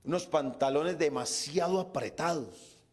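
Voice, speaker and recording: A male pastor preaching a sermon, swinging between shouted exhortation and low, quiet pleading with the congregation. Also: a little slow.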